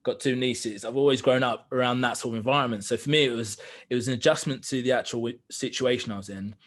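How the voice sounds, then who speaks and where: A man's voice: mid-range voice, fast talker. A young man telling a personal story as a podcast guest, candid and earnest, with frequent fillers. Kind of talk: reflective storytelling in conversation.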